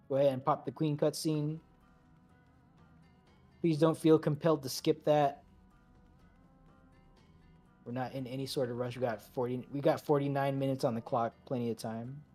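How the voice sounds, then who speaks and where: A man leading a game raid, calling out instructions briskly, repeating commands and slipping in joking asides. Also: medium pitch, a little mellow. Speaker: raid leader. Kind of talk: calling instructions over voice chat while gaming.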